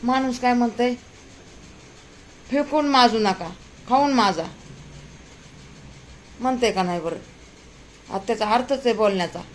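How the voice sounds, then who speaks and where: A woman's voice: a little high, measured pace, long pauses, a little hiss or hum. A middle-aged woman, complaining aloud as she cooks in her home kitchen and talks to viewers. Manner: exasperated, complaining, talks while cooking. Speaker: home vlogger. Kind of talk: casual kitchen vlog talk to viewers.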